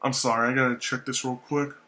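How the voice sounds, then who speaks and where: A man's voice: medium pitch, little pitch movement, fast talker, noisy background. A young man talking casually to camera, rambling and repeating himself, swearing now and then. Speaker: YouTuber showing his game collection. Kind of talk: casual vlog talk.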